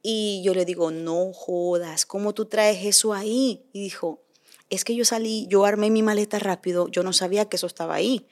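Woman, casual bilingual chat, animated storyteller, mid pitch. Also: a little fast. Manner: animated storyteller, mixes English phrases.

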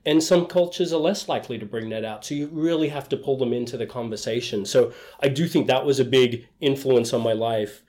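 A man's voice: medium pitch, a little fast, hardly any pauses. A middle-aged man with an Australian accent, telling stories with enthusiasm as a guest in a conversational interview. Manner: enthusiastic, relaxed storytelling. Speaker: guest, HR executive.

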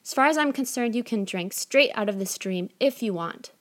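A woman's voice: on the high side, expressive, moderate pace, voice pushed up, lightly acted. A woman doing a sneering spoiled girl. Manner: sneering and sulky. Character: rude, proud spoiled young girl.

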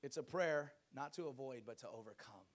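A man's voice: medium pitch, brisk. A man preaching a sermon to a congregation, exhorting them emphatically with rhetorical questions and repeated phrases.

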